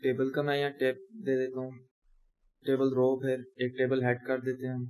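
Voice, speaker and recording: Completely flat in delivery, a young man with a medium-pitched, darkish voice teaches coding at a moderate pace. It's a screen-recorded tutorial in which he explains each step as he types, correcting himself along the way.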